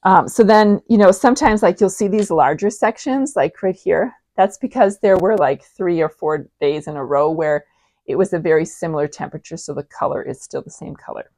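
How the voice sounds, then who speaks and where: A woman's voice: on the low side, normal speed, warm tone, no room sound. A woman in her forties hosting a knitting podcast, chatting casually with frequent ums and restarts. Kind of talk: casual show-and-tell chat.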